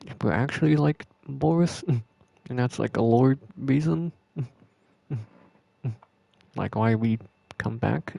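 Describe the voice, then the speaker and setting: Rambling, chuckling gravelly streamer man. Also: medium pitch, warm tone, no room sound. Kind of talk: casual gameplay commentary.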